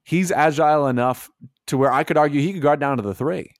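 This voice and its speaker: A man co-hosting a sports podcast in casual chat, animated and arguing his points. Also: a little high, fast talker, no room sound, clean studio sound. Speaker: podcast co-host.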